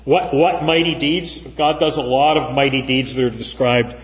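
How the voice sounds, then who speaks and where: A man preaching a sermon as pastor, earnest and measured, with frequent fillers. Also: medium pitch, fairly even intonation. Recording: dull sound, long church reverb.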